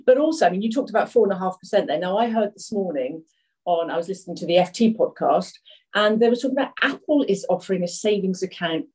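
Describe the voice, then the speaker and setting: Podcast host, husky mid-pitched voice, informal interviewing delivery. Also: lively intonation, quick pace, darkish tone, rough recording. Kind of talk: conversational interview.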